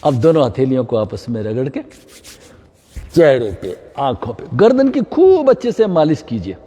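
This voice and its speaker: A man's voice: medium pitch, sing-song, moderate pace, warm tone, husky, long reverb tail. A middle-aged man leading a yoga class, giving step-by-step instructions and often checking in with "है ना?". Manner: mixes English phrases into Hindi, frequent "है ना?" check-ins.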